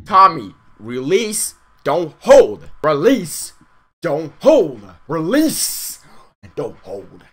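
Male let's-player cooped up in a closet; frustrated, jumpy, bright tone with faint game music under him. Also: a little high, extremely slow, slightly rough. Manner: excitable, frustrated, talks to viewers. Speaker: gamer. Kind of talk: let's-play commentary. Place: inside a closet at night.

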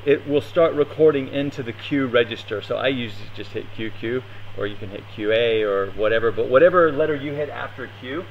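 A man's voice: mid-range voice, brisk, hardly any pauses, highs cut off, a little hiss or hum. Hesitant man thinking aloud over clicks. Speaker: meetup presenter. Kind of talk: live coding demo. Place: meetup room.

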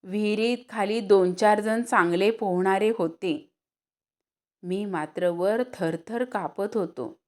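A woman reads a story aloud at a slow, unhurried pace. Her voice sits at a middle pitch. She lifts it noticeably whenever she speaks the characters' lines. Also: a little mellow. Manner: unhurried, acts out dialogue with raised pitch. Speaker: narrator. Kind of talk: storybook reading.

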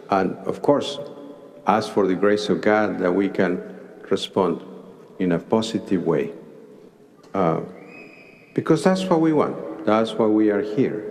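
A man in his sixties with a Mexican Spanish accent, an archbishop preaching a homily slowly in short deliberate phrases at a cathedral pulpit microphone. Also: fairly low pitch, darkish tone. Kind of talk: sermon. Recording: long cathedral reverb.

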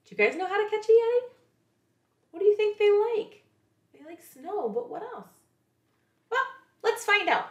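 A woman's voice: extremely high pitch, big pitch swings, normal speed, long pauses, roomy sound. A woman, a children's librarian, reading picture books aloud to young kids in a playful way, often asking them questions.

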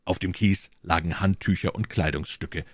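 A man reading a detective story aloud in a measured storytelling manner. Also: low voice, no room sound, studio quality. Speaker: audiobook narrator. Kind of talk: dramatic audiobook reading.

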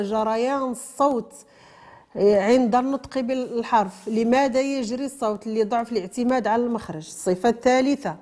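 This tajweed teacher has a Moroccan accent and a somewhat high, darkish voice. Explaining a letter's pronunciation step by step, she raises questions and answers them herself, switching between formal terminology and everyday words.

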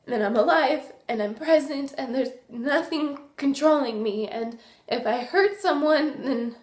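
A young woman acting a remorseful recovering addict in a dramatic monologue, halting and full of tragic sorrow. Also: high voice. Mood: remorseful, pleading. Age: young adult. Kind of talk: dramatic monologue, naturalistic confession. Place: small indoor room. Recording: roomy echo.

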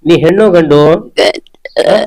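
A man's voice: on the high side, slow pace, warm tone, rough recording. A man leads a ritual session as a spirit healer. He presses with short commands and questions, repeating them again and again without letting up. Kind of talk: ritual interrogation.

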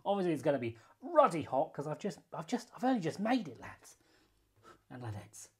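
A man's voice: fairly high pitch, very animated, brisk, slight background noise. A young British man in a home kitchen, chatty and self-mocking, swearing and using slang while he cooks. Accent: British English. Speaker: cooking vlogger. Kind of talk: casual cooking review. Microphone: phone camera filming hands.

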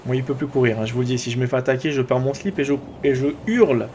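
Man, French accent, let's play commentary, chatty, excitable, mid-pitched voice, faint noise behind. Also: fast. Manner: chatty and excitable, talks to viewers and to his character. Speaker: gaming YouTuber.

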